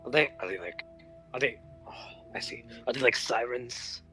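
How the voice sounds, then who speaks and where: Brief: male player, sharp bright voice, easygoing and joking. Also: mid-range voice, moderate pace, faint music behind, low-quality recording. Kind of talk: casual tabletop play.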